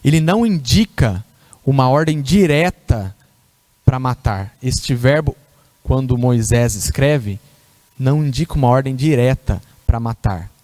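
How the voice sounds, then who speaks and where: A man's voice: mid-range voice, measured pace, a little mellow, dry recording. A man giving a sermon in a church, teaching and often checking that the congregation follows. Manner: teacherly, asks the congregation questions. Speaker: preacher.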